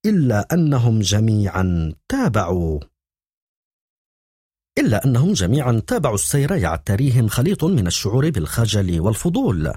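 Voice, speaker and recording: A man narrating a novel in a steady storytelling manner for an audiobook. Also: on the low side, brisk, pauses often, husky, no echo, clean studio sound. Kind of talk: scripted narration.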